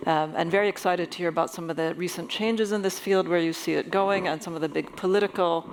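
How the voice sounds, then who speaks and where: Female moderator, low gravelly voice, faint background noise, formal intros with many "uh"s. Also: steady tone, fast talker. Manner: warm formal introductions with frequent fillers. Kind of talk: hosting a fireside chat.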